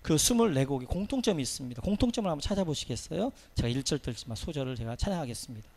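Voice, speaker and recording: A middle-aged male pastor preaching a sermon in a church, swinging from soft explanation to loud, impassioned exhortation. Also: fairly high pitch, expressive, very fast. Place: church sanctuary.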